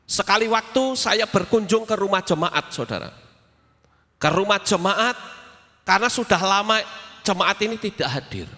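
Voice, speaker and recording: A man preaching a sermon as pastor, telling stories in an animated way and acting out voices and sounds. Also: sits high, moderate pace, big-room sound.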